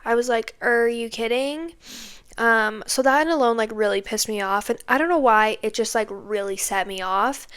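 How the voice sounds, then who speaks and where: A young woman with a slightly high voice talks in a loose, casual monologue. She vents with exasperation and leans on fillers like "like" and "okay". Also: normal speed, few pauses, fairly bright tone, clean tone. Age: young adult. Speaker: podcast host.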